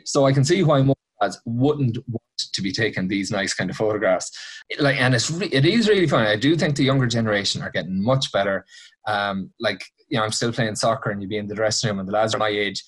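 A man's voice: lowish voice, fast. A man with a west of Ireland accent chatting casually and giving his opinions in a colloquial, anecdotal way.

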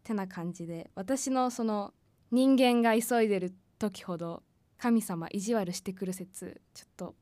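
A woman's voice: mid-range voice, moderate pace, dark tone, no room sound. A woman of about twenty, an announcing student, chatting and giggling casually as a radio talk host. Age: 20s.

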